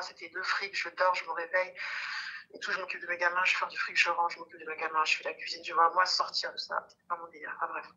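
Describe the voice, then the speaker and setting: A woman's voice: lowish voice, bright, forceful tone, highs cut off. A woman speaking as a guest, telling her personal story frankly and emphatically, repeating herself and using many fillers.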